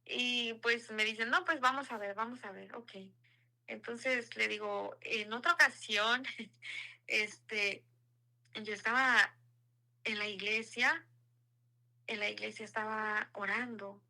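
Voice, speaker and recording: A woman's voice: a little high, fairly even intonation, slow pace, gravelly, pauses often, sharp tone, poor audio. A woman giving an earnest, casual spoken testimony, repeating words for emphasis.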